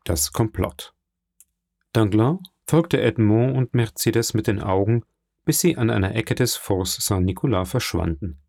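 A man reading a classic novel aloud as an audiobook, voicing the characters' dialogue with lively raised tones. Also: fairly low pitch, unhurried, creaky, no room sound, studio quality. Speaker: audiobook reader.

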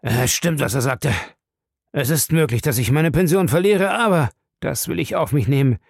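Man reading bitter old man, high and agitated, gravelly, audiobook. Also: expressive, moderate pace, no echo, clean studio sound. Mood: eager. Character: old grey-bearded man, bitter, shaking with rage.

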